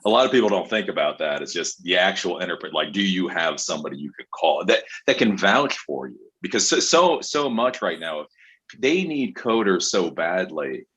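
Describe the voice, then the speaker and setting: Blunt, foul-mouthed host with a low husky voice. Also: male voice, very animated, normal speed, fairly bright tone, rough recording. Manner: blunt and profane, swears freely. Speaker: host of an open mic call-in show. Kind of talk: casual chat. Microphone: video call.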